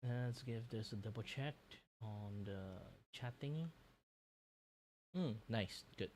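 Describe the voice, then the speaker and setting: Casual streamer host, mid pitch, rambling think-aloud chat with muttered asides. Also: slow, a little mellow. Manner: rambling, muttering to self while working. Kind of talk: casual livestream chat while working.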